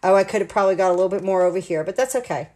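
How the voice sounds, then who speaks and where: Talking very fast in a medium-pitched, mellow voice, a woman in her sixties from the US leads a live card-making demo. Sitting at her craft table at home, she chats and rambles, explaining every step along the way.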